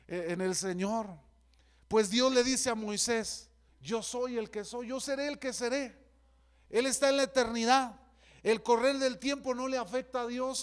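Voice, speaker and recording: High-voiced fervent male pastor preaching. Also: smooth. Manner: fervent preaching, often calls out "hermano". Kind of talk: sermon.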